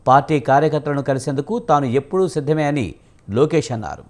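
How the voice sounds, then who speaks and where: A man's voice: fairly high pitch, fast. Man reading a news voice-over. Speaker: news reporter.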